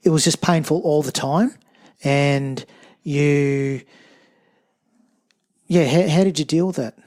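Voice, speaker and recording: A man's voice: a little high, slow, a little mellow. A man hosting a podcast, reading a support message and asking hesitant, rephrased questions. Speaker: podcast host. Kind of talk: podcast host read and interviewing.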